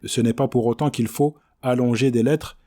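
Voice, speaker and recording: Male teacher, French accent, patient and methodical, warm mellow voice. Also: mid-range voice, fairly even intonation. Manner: patient, repeats and models each word slowly. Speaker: Quran recitation teacher. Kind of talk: explanatory lesson on recitation.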